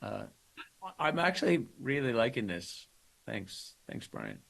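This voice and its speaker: A man's voice: mid-range voice, big pitch swings, a little slow, gravelly, a bit bright, rough recording. A man hosting a podcast, chatting casually and with friendly banter over a video call. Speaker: podcast host. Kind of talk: casual chat.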